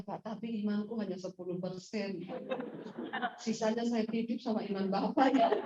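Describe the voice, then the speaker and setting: Woman pastor, fairly high voice, lively sermon storytelling, echoey and dull lo-fi recording. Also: slight background noise. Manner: animated, acts out quoted voices. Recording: echoey hall, dull lo-fi sound.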